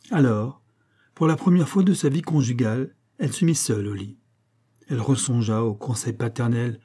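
A man reading a classic short story aloud in a measured, expressive way. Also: mid-range voice. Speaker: audiobook narrator. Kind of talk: literary audiobook reading.

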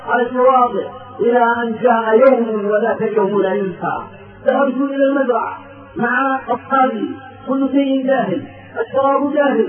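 A man preaching a sermon in a fervent, rhythmic way, telling a story and reciting verse. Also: very high-pitched. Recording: tinny, echoey, distant, with music.

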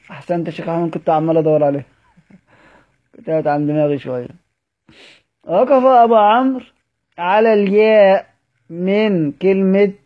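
A man with an Egyptian accent teaching a study circle, quizzing his students and answering his own questions. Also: sits high. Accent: Egyptian Arabic. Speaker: Quran recitation teacher. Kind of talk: recorded study-circle lesson. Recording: dull lo-fi audio recording.

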